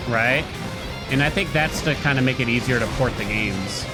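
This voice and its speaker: Game music runs beneath this thirtysomething man as he streams and commentates live. He speaks at a normal pace in a mid-range voice, keeping things informal, slangy, and sprinkled with curses.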